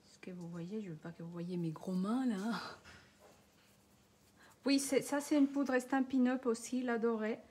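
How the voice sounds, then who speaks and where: Unhurried woman host with a foreign accent in French, talking viewers through a live craft demo. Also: a little high, fairly even intonation, a little mellow, a little hiss or hum. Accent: non-native French accent. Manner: chatty, talks viewers through each step. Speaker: craft demonstrator.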